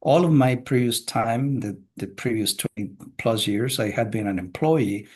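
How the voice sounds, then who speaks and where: On a business podcast in a casual interview, a middle-aged Chilean man talks through his working life at an even, measured pace. He often pauses on "uh" while gathering his words, and his husky voice stays at an ordinary mid pitch.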